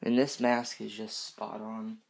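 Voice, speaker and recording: In a creaky, lowish monotone and a little slowly, a fifteen-year-old boy gives a casual, unscripted review of horror movie masks. He's hesitant and rambling, correcting himself as he goes.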